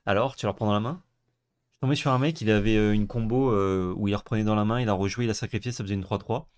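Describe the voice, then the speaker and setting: A young man co-hosting a card game stream, chatting quickly and thinking aloud about his plays. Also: fairly low pitch, steady tone, clear, resonant tone. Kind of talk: casual gaming chat.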